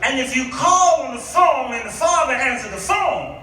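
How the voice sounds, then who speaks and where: The recording, made from a distance in an echoey church hall, captures a guest preacher: an American man with a very high voice speaking at a normal speed. His storytelling sermon is animated and folksy, with acted-out exchanges and rhetorical questions for the congregation.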